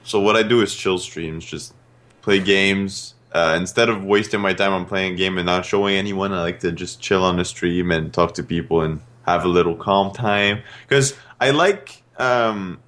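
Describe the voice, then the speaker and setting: A young man in casual podcast chat, laid-back and hesitant, often pausing with "uh" and "um". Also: low voice, fairly bright tone.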